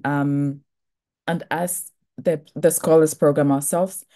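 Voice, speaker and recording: Young woman, from Tanzania, webinar presenter, low voice, measured delivery, frequent fillers. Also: mellow. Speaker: scholarship program presenter.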